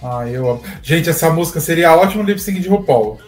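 A man's voice: fairly high pitch, expressive, fairly quick, faint music behind. Gossipy Brazilian man on a podcast. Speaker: podcast co-host. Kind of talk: casual chat.

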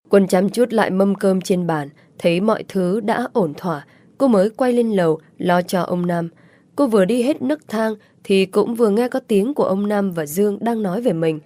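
Brief: female audiobook narrator, measured emotive reading, dry close sound. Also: mid-range voice, dark tone, dry recording. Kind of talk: scripted story narration.

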